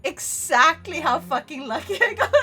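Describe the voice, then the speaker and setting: Female streamer, very high bright voice, giggly and excitable, casual gaming chat over music. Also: measured pace. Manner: frequent swearing. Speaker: livestreamer.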